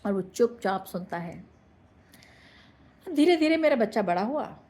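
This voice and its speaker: Higher-voiced woman telling a motivational story. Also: unhurried, husky. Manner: expressive, mixing Hindi and English. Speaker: motivational speaker.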